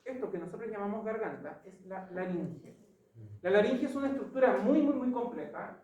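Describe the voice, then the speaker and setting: In a large, reverberant classroom, a distant mic with cut-off highs captures a Chilean-accented woman teaching anatomy. Her medium-pitched, dark voice moves at normal speed with lively intonation, explaining stepwise and questioning students.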